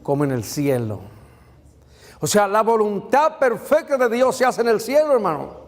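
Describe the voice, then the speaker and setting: A man's voice: high-pitched, very animated, normal speed, long reverb tail. A man, a pastor, preaching a sermon, asking rhetorical questions and calling out to the congregation.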